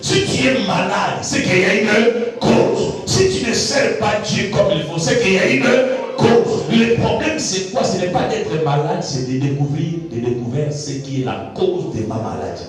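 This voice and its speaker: A man preaching a sermon. He repeats words for emphasis and swings from low asides to shouted high lines. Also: very animated, normal speed. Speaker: pastor. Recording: very echoey, distant from the mic, faint music.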